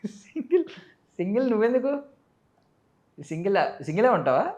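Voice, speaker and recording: A woman interviewing a child guest in a relaxed, playful way, teasing him with a stream of questions and mixing English words into her speech. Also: mid-range voice, moderate pace, highs cut off. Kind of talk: casual interview chat.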